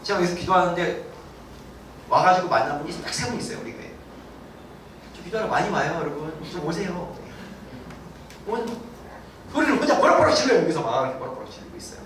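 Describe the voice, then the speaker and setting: A man's voice: sits high, fast talker, long pauses, a little hiss or hum. A man preaching a Sunday sermon as senior pastor, asking the congregation questions and acting out what people say. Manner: animated, asks the congregation questions and acts out quotes. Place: church sanctuary. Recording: very echoey church hall, mic from a distance.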